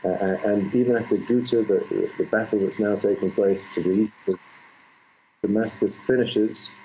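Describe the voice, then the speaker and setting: Deep man on a low-quality stream link. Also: steady tone, warm tone. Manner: halting, full of fillers and restarts. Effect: low-quality live stream link. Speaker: foreign correspondent. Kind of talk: live news report. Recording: muffled lo-fi line with faint noise.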